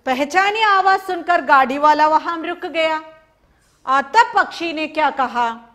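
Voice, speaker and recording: A woman teacher giving a recorded Hindi class, explaining a story slowly and asking and answering her own questions. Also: high voice, a bit bright. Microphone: recorded for an online class video.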